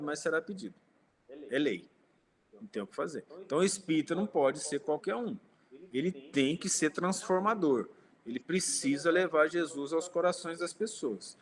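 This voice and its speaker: A man with a fairly high voice gives a relaxed spiritist talk. He speaks straight to his listeners as if chatting with them. He slips into the voices of people in his stories to act out what they said. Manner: conversational, speaks directly to listeners; acts out quoted dialogue in his stories. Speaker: spiritist lecturer.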